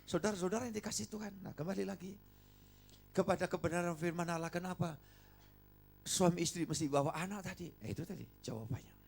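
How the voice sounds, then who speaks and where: An older man preaching a sermon, animated and coaxing the congregation to respond. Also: high voice, quick pace, creaky. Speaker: pastor. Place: church service.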